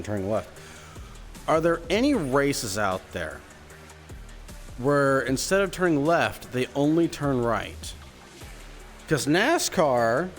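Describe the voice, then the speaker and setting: A man streaming, chatting casually to himself and thinking aloud. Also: medium pitch. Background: faint music.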